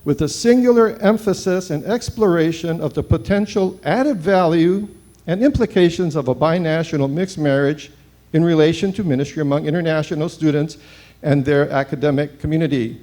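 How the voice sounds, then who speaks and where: Older man briskly reading a paper aloud. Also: a little high, dark tone. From Hawaii, United States. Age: 70s. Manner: brisk formal reading with stressed figures. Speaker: conference presenter. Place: seminary conference hall.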